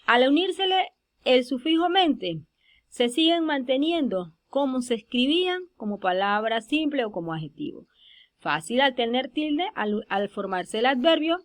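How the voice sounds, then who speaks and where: A woman giving a spoken grammar lesson over slides, slowing down to stress example words. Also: on the high side. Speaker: teacher.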